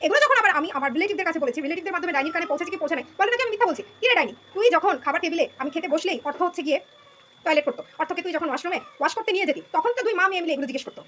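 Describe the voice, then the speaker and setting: Young woman, very high and very fast, mocking monologue, faint background hum. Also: a bit bright. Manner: mocking, taunting, direct address. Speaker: vlogger venting about family. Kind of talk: sarcastic monologue with sung lines.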